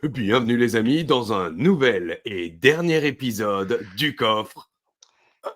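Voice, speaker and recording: A man's voice: mid-range voice, expressive, takes it slowly, pitched below the performer's own voice. A man voicing a crude, joking old grandfather who cracks bawdy wisecracks.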